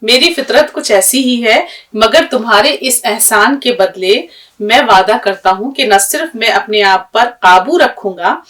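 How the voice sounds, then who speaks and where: A woman's voice: fairly high pitch, measured pace. A woman voicing a trapped wolf who humbly begs a mouse for help, read out in a storybook tale. She is recorded from a distance. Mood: pleading. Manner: pleading, flattering.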